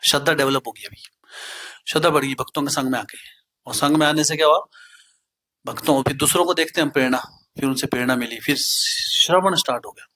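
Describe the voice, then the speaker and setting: A man's voice: on the high side, a little fast, bright, forceful tone. A man giving a devotional talk, telling anecdotes in a conversational way and often checking in with his listeners. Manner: anecdotal, peppers speech with "है ना?" and English phrases. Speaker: preacher.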